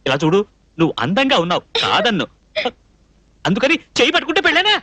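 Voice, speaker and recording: A fussy flustered young cook. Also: male voice, extremely high pitch, wildly swooping pitch, bright, forceful tone, no room sound, heavily acted. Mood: indignant. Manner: fussy, scolding, quick-tempered. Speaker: dubbing actor. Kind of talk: dubbed film comedy acting.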